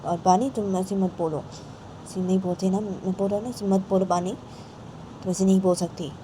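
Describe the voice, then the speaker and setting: A woman voicing a quick-tempered middle-aged father who defends himself and snaps back. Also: mid-range voice, steady tone, background noise, natural voice. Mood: defensive. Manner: defensive, snapping.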